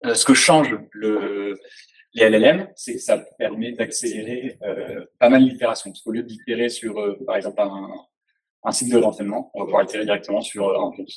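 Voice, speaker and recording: A man's voice: fairly low pitch, fairly even intonation, a little fast, slightly rough, poor audio. A man giving a casual technical presentation, hesitant, with many fillers and restarts. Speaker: presenter at a tech talk.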